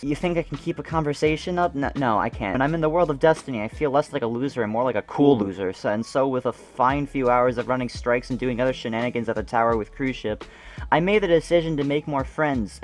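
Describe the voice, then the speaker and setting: A young man narrates his gaming memories with comic, self-deprecating timing, cursing casually and tossing in asides. His voice sits right in the middle of the usual male range. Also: medium pitch. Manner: self-mocking, jokey, swears, breaks off into laughs and asides. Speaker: gaming video creator. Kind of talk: comedic scripted narration.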